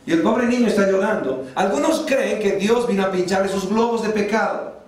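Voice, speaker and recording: A man preaching a sermon as pastor, lively, asking the congregation questions and acting out little scenes. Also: high-pitched, brisk. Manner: lively preaching with acted-out voices and rhetorical questions. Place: church. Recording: echoey church hall, distant mic.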